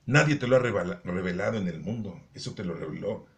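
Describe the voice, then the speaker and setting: A man voicing Jesus as a calm teacher who quietly quizzes his disciple during a Bible explanation. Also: low-pitched, fast, voice pushed down. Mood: quiet questioning.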